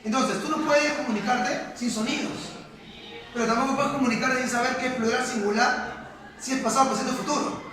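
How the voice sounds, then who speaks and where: A man's voice: extremely high pitch, fairly even intonation, a little fast, noisy background. A male teacher, giving a classroom lecture and questioning his students, repeating points for emphasis. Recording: echoey classroom from far off, students audible.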